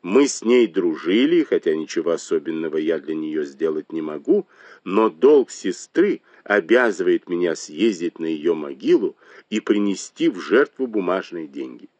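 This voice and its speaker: A male reader voices a shrewd, sharp-tongued noblewoman, pitching higher than his natural voice with wide, sing-song swings. Her tone is earnest yet mocking and reproachful at a moderate pace, and the recording is close and dry with no room sound.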